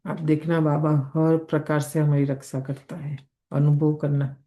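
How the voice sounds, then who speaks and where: A woman's voice: low voice, completely flat delivery, a little slow, dark tone. A woman teaching a daily spiritual lesson in a conversational way, often checking in with her listeners. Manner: conversational, keeps asking listeners "isn't it?".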